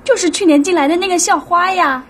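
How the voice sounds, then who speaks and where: A chatty young office woman passing on gossip in a confiding tone. Her voice is high for a woman, in a TV drama. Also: fast talker, fairly bright tone. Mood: gossipy. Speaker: office colleague. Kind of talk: TV drama acting.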